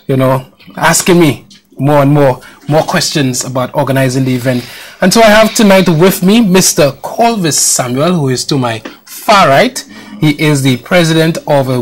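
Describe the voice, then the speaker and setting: A man in his thirties hosting a live sports talk show, talking loosely and rambling with many fillers. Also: fairly high pitch. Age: 30s.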